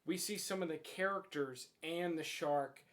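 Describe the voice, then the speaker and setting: A man's voice: on the high side, unhurried, a bit bright. A man hosting a casual movie review, talking bluntly and swearing freely as he comments on the film. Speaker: host of a movie review show.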